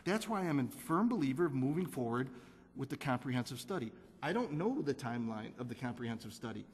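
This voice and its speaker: A man's voice: medium pitch, animated, brisk, breathy edge. A man serving as a city council alderman, giving an earnest, repetitive speech at a council meeting and insisting on data. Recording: council chamber with long reverb.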